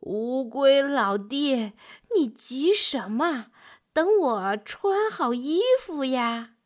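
A woman voicing a slow, easygoing male snail in a children's storybook, drawling every word. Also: sits high, sing-song, voice pushed up, full character voice. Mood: leisurely. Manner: drawls slowly.

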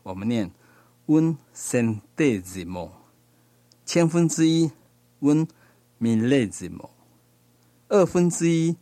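Slow, careful male language teacher. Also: medium pitch, lively intonation, warm tone, no echo. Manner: slow, deliberate, pronouncing each word carefully. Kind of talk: slow recorded language lesson.

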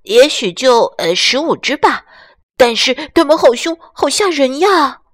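A woman voicing a frightened little boy bunny in a bedtime storybook, in a high, pleading child's voice. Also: sing-song, a little slow, a bit bright, exaggerated voice.

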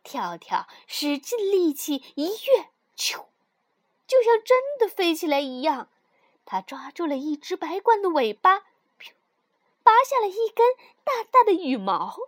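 A woman telling a bedtime story to children in a slow, soothing, expressive way. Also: high-pitched, no echo.

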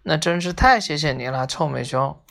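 A woman voicing a kind, worried auntie goose in a storybook, gentle and fretful. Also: low-pitched, normal speed, creaky.

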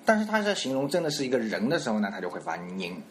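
Male lesson host, easygoing coach who laughs a lot, animated melody. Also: medium pitch, racing, a little hiss or hum. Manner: laughs often, coaches pronunciation. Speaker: dialect teacher and host. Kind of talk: casual radio lesson chat.

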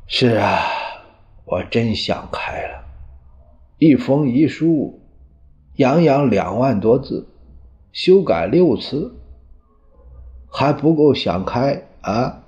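A man's voice: medium pitch, lively intonation, takes it slowly, pauses often, darkish tone, pitched above the performer's own voice. A man doing a bitter, despairing old politician. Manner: bitter, weary and self-pitying. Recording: dull lo-fi audio.

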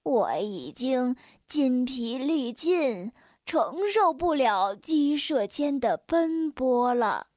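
A woman doing a slow, weary old storyteller grandpa. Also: fairly high pitch, sing-song, no echo, studio quality, voice pushed down. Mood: sorrowful. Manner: slow, sighing, sorrowful delivery. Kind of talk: storybook reading.

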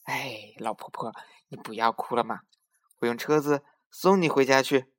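A sweet little girl speaks kindly in a bedtime storybook. A man puts her on, nudging his pitch up a touch and coaxing softly. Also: moderate pace, lightly acted. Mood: comforting. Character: kind, eager little girl. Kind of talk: children's storytelling.

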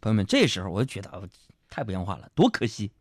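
Lively male comic host. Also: on the low side, breathy edge, no room sound, clean studio sound. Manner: lively storytelling with quick jokes and asides to listeners. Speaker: radio show host. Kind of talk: comic monologue.

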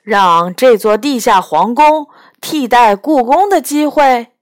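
A woman doing a gruff horned dragon beast. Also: fairly high pitch, animated, slow pace, dry recording, studio quality. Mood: scornful. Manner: blunt, scoffing. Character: gruff male dragon-bodied bull-horned palace beast, proud. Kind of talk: storybook reading.

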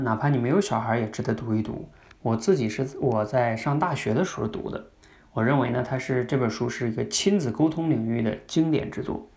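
Man, podcast host, gravelly voice, medium pitch, conversational, instructive. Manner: conversational, asks listeners questions. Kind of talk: instructive monologue.

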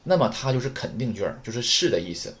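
A man teaching a beginner Japanese class in a chatty lecture style, asking rhetorical questions and repeating key points slowly. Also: mid-range voice, very animated, fairly bright tone.

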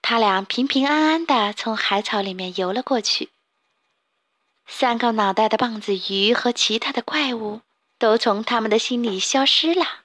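A woman narrating a children's storybook in a gentle, expressive way. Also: fairly high pitch, normal speed, dry recording.

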